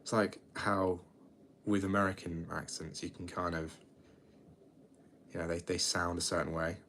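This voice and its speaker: A twenty-year-old man with a British accent, hosting a chatty, low-key late-night livestream and rambling with frequent restarts. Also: little pitch movement, normal speed, a bit bright, a little hiss or hum. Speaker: livestream host.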